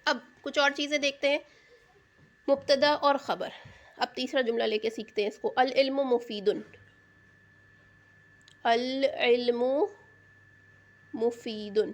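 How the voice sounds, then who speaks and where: Patient woman teacher with a higher voice. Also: fairly even intonation. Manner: patient, repeats key terms and asks rhetorical check questions. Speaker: Arabic grammar teacher. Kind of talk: explanatory lesson in Urdu.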